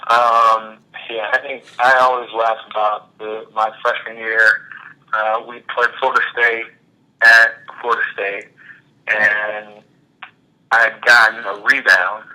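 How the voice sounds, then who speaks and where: A man in his thirties, a former college athlete, talking as an interview guest in a relaxed, reflective way with many fillers. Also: fairly low pitch, slow pace, poor audio. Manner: relaxed, reflective, frequent "you know" fillers. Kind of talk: casual interview conversation.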